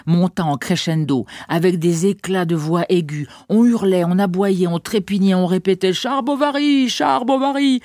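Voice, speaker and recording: A measured, expressive reader narrating a classic novel as an audiobook. The voice sits in a middle register and sounds dry and close, with no room around it. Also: mid-range voice, dry recording. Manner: measured, expressive literary reading.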